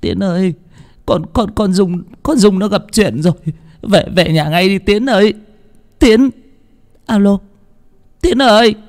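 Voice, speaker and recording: A man's voice: high voice, lively intonation, a little slow, pauses often, darkish tone, pitched above the performer's own voice. A man voicing a panicked older mother-in-law stammering bad news over the phone. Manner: stammering, urgent. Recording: long reverb.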